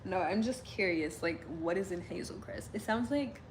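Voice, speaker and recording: Chatting with her audience and reading their comments, the young Illinois streamer laughs a lot and often says "like." She talks at a moderate pace in a mid-range voice, with background noise present.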